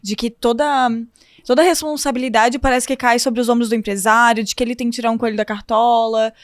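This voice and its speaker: A woman with a Brazilian accent hosting a podcast, asking her guest questions in a relaxed, conversational way. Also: on the high side, fairly quick, dry recording, clean studio sound. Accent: Brazilian Portuguese. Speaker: podcast host. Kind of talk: interview questions.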